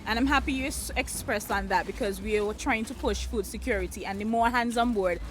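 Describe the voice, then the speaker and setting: Higher-pitched woman interviewing on location. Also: brisk, soft background music, rough recording. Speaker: host interviewing vendors. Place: outdoor public market.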